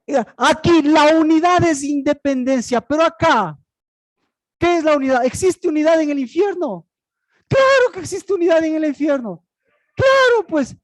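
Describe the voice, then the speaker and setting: A preacher with a notably high voice delivers a sermon. They pose questions and answer them, then leap from loud, high cries to low, quiet murmurs. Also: poor audio. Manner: asks and answers own rhetorical questions.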